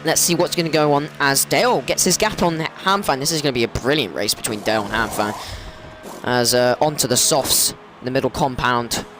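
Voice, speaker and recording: A man commentating an online racing league race, excitable and rambling, often correcting himself and rising in pitch during crashes. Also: brisk, noisy background.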